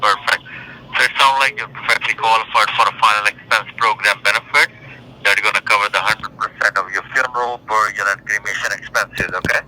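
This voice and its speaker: Male telemarketer, very bright forceful voice, screening customers over a faintly noisy phone line. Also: lowish voice, steady tone, brisk. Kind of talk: phone sales screening questions. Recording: telephone call with faint noise.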